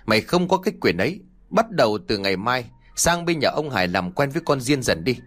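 A man's voice: mid-range voice, sing-song, a little fast, fairly bright tone. Guy doing an angry old dad, barks and hisses orders, big swings up and down. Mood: domineering. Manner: barking, hissing threats. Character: furious stern old village father.

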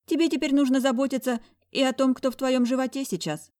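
A woman's voice: high voice, fairly even intonation, fast talker, darkish tone, voice pushed up, natural voice. Woman doing a blunt scolding girlfriend. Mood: earnest. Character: sharp-tongued young woman, blunt best friend.

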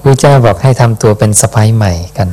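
A man, a Buddhist monk, reading scripture aloud and explaining it in an unhurried dhamma talk, ending phrases with a soft questioning particle. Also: lowish voice.

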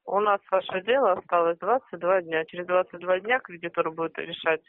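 A woman's voice: fairly low pitch, steady tone, a little fast. Formal woman caller, tinny phone line. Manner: formal, persistent. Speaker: debt collection agent. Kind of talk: phone debt-collection call.

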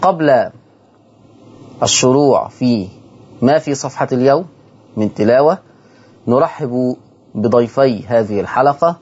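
A man with an Egyptian Arabic accent hosting a televised lesson on Quran recitation. He slowly chants and repeats example words from the verses. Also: medium pitch, animated, a little mellow, breathy edge, highs cut off. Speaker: host and Quran recitation teacher. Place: television studio.

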